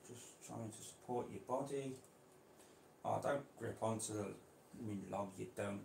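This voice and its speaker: A man keeping reptiles, chatting casually to viewers while gently coaxing and handling a snake indoors. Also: on the low side, measured pace, creaky, reverberant, a little hiss or hum. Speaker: reptile keeper vlogger. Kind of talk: casual vlog. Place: indoor room.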